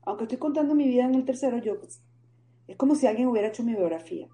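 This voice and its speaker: A woman, telling her faith story in an animated interview and acting out the voices in it. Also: on the high side, racing, highs cut off. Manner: animated, storytelling, acts out quoted dialogue. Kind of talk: conversational interview.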